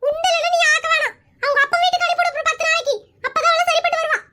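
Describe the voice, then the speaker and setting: A woman voicing a quick-tempered elderly mother-in-law in a cartoon skit, scolding and whiny. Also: fairly even intonation, pushed and bright. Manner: shrill, scolding and wailing.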